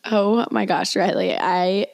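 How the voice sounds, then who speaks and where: A young woman co-hosting a podcast, telling stories in a chatty, animated way with many fillers. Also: mid-range voice, slow pace, vocal fry, no room sound. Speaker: podcast co-host. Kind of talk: casual chat.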